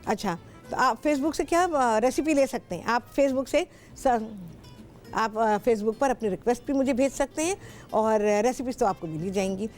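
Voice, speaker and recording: A woman's voice: on the high side, normal speed, darkish tone, soft background music. A middle-aged woman with a Pakistani Urdu accent, hosting a television cooking show and chatting with callers in a talkative, instructive way. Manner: talkative, instructive, repeats herself often. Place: television studio.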